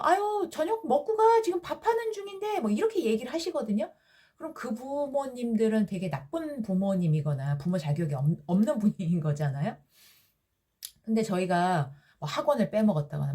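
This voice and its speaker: A woman with a husky, slightly breathy voice talks through a personal story in a relaxed monologue. Her pitch swings widely as she slips into other people's voices for quoted lines, then drops back to her own. She sounds middle-aged. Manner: animated, acts out quoted lines in shifting voices. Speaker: channel host.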